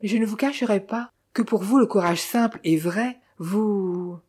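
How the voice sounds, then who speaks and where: Grave gentleman adventurer, read by a woman. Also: mid-range voice, moderate pace, breathy edge, close to an everyday voice. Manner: grave, earnest. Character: cultured adventurer man, grave and modest. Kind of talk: audiobook reading.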